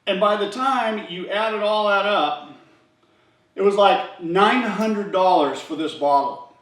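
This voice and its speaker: A man's voice: sits high, slow, fairly bright tone. A man hosting his garage channel, casually telling a story to camera and acting out the other people's lines in quoted voices. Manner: chatty, acts out dialogue in quoted voices. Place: garage workshop. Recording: echoey room, from a distance.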